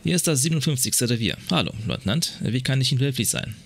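A formal woman police dispatcher speaks in courteous, by-the-book phrases, voiced by a man reading aloud. The voice is gravelly with a middle pitch. She is the officer on the line in a video game. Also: expressive, fast talker. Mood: polite.

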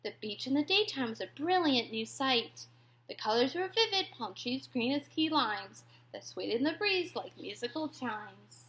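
A woman reading a rhyming children's story aloud, expressive and dropping to whispers at tense moments. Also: sits high, moderate pace. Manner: expressive, drops to whispers for suspense.

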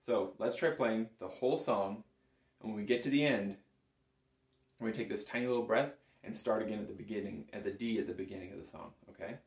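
The voice here is a man's, lowish and darkish, and he talks quickly while giving a casual bagpipe lesson one step at a time, counting beats and checking in. The setting is a small indoor room full of instruments, with a camera a short distance in front whose mic adds a roomy echo.

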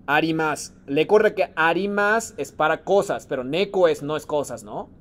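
A man leads a Japanese class with a patient, encouraging manner. His voice sits a little high. He calls on students one by one and mixes Japanese phrases into his explanations. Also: animated, moderate pace. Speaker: Japanese teacher. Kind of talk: online class lesson.

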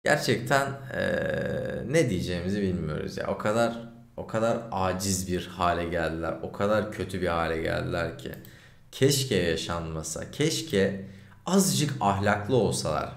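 A man, a journalist streaming, giving indignant, animated commentary over a video clip. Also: low-pitched, moderate pace, creaky, reverberant.

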